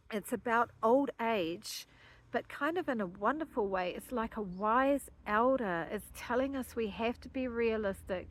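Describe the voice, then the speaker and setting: A New Zealand woman, an astrologer, chatting casually in a vlog outdoors in a mountain forest while she walks, musing and searching for words. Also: mid-range voice. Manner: talking while walking over rough ground.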